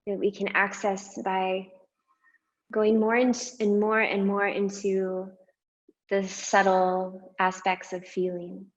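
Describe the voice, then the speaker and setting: Soft-spoken woman guiding a meditation. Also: mid-range voice, little pitch movement, muffled recording. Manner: slow, soft and unhurried with long pauses. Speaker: meditation guide. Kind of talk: guided meditation.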